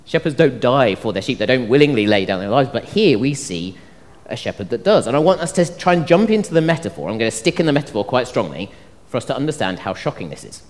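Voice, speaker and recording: A man delivering a sermon with lively, swinging intonation. He acts out the voices he quotes and keeps the congregation inside the story. His voice carries a long reverb through a church hall. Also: medium pitch, fast. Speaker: preacher.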